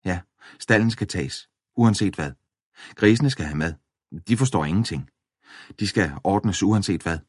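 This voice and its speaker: A man's voice: low voice, husky, no echo, clean studio sound. A man reading the part of a practical farm worker who gives firm, urgent instructions. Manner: firm, commanding.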